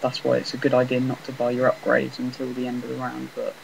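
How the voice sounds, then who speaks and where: A man casually rambling through commentary on a game he is playing, talking in a flat, self-deprecating way on a laptop mic. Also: medium pitch, quick pace, vocal fry, slight background noise, rough recording. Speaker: gameplay commentator.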